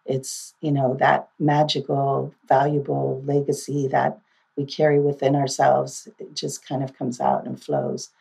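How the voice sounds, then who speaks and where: A woman from Puerto Rico, a psychologist guest on a podcast interview, speaking in a reflective, soft-spoken way with many pauses and fillers. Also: very deep voice, flat delivery, creaky, breathy edge, poor audio.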